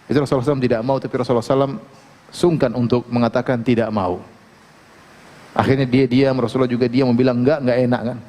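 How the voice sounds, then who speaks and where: A man giving a relaxed, joking religious lecture, often asking his listeners questions. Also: mid-range voice, rapid-fire, long reverb tail. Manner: casual, joking, asks the audience questions. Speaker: Islamic preacher.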